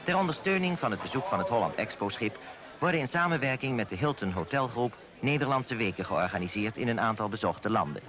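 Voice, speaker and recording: A man giving formal, measured scripted voice-over narration for a documentary. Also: mid-range voice, lively intonation. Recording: voice-over with loud music behind.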